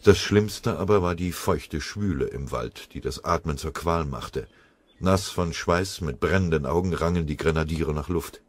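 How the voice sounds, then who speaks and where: A man narrating a war audiobook in a grave, measured way. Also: rumbling low. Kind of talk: scripted war story narration.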